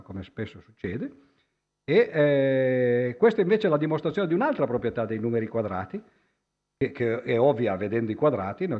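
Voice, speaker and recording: A man's voice: mid-range voice, muffled recording. Man lecturing, tags lines with "no?". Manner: conversational, constantly adds a questioning "no?"; hesitant, with many fillers and restarts. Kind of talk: public lecture with slides. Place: lecture hall before an audience.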